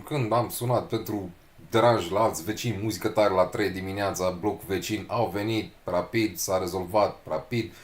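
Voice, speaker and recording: A young man giving lively gameplay commentary, ranting and cursing casually. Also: lowish voice. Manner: animated, swears, rants. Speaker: streamer.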